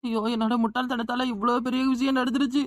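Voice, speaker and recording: A woman with a Tirunelveli Tamil accent voicing a cartoon village woman, talking quickly and lamenting. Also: a little high, little pitch movement, no echo, clean studio sound.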